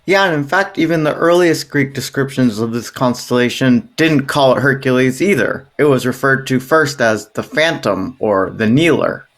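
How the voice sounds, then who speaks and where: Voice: mid-range voice, normal speed, hardly any pauses. A podcast co-host retelling myths in casual chat, playful and jokey with wry asides.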